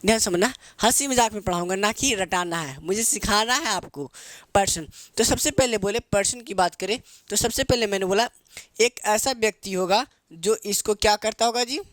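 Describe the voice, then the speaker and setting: A man's voice: sits high, moderate pace, fairly bright tone, no echo. Playful teacher man calling students babu. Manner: asks questions and answers himself, calls viewers babu. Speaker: English grammar teacher.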